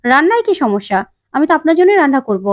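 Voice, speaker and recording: A bold young daughter-in-law who answers back with teasing retorts, read out by a woman. Her voice sits high and quick. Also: big pitch swings. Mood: retorting.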